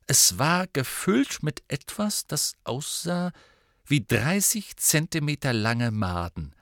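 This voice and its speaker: A man's voice: fairly high pitch, slow, no room sound. Man reading an audiobook, dry sound. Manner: steady storytelling with voiced dialogue. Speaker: audiobook reader. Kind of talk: scripted narration.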